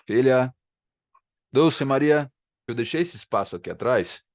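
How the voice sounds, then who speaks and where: A man's voice: mid-range voice, lively intonation, measured pace, no echo. Dry-sounding man teaching pronunciation. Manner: patient, repeats sounds to demonstrate pronunciation. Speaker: language teacher. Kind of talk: explanatory video lesson. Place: home room, filming himself. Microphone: camera facing him.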